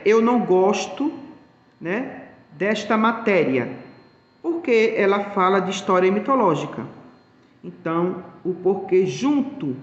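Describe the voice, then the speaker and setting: Slow, high-voiced man teaching grammar. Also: highs cut off. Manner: slow, explanatory, repeats points. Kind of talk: grammar lesson. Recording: echoey room, long reverb.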